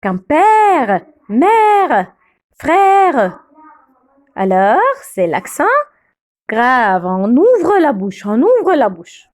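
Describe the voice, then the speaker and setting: A woman teaching beginner French pronunciation, saying each word slowly and repeating it several times. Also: fairly high pitch, very animated, darkish tone.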